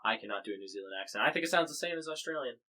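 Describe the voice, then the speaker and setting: A man's voice: medium pitch, animated, racing, sharp tone, rough recording. An American man hosting a podcast, covering the news in casual, wry chat full of fillers and restarts. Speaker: podcast host.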